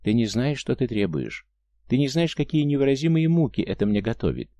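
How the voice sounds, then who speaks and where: A man's voice: medium pitch, sing-song, fairly quick, mellow, no room sound, pitched above the performer's own voice. A man voicing a tender, proud, free-spirited Martian woman in an audiobook, speaking earnestly. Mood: pleading.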